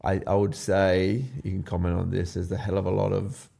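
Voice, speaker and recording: A man's voice: deep voice, monotone, fairly quick, creaky, mellow. A man hosting a podcast, asking questions in a blunt, conversational way and thinking aloud. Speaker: podcast host. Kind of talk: casual interview questions.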